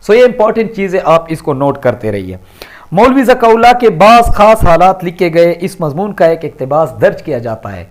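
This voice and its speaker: A man giving a deliberate, explanatory lecture to students, addressing them politely as he explains a lesson. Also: high voice, big pitch swings. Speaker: Urdu teacher. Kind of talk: classroom-style recorded lecture.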